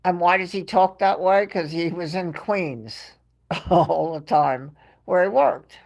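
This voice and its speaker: Her voice sits fairly low, slow and a little mellow, with vocal fry. She's a livestream host from New York, by her accent, laughing frequently as she chats and shares stories with viewers in the live chat.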